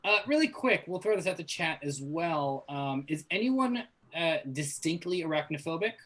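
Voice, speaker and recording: A man's voice: a little high, expressive, normal speed, a bit bright. A man running a tabletop role-playing game on a live stream as game master, chatting casually and organizing the players.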